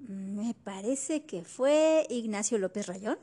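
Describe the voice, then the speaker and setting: A woman's voice: mid-range voice, animated, takes it slowly, warm tone. A woman, co-hosting a casual history chat and chiming in with questions and wry jokes. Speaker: podcast co-host.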